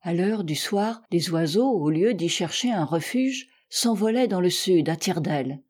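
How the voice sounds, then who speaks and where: Husky-voiced woman reading a classic novel. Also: on the low side. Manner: measured and expressive, with dramatic rises for shouts. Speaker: audiobook reader. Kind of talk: literary audiobook narration.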